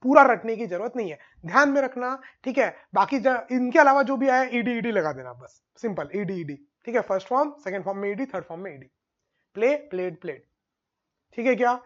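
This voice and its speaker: A male teacher giving an online exam-prep lesson, drilling word forms in a steady rhythm and often checking that students follow. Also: very high voice, fairly quick, muffled recording.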